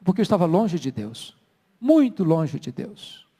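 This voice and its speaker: A man preaching a sermon in Brazilian Portuguese, swinging from soft, low asides to loud, slow emphasis. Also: wildly swooping pitch, husky. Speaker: pastor. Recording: long hall reverb.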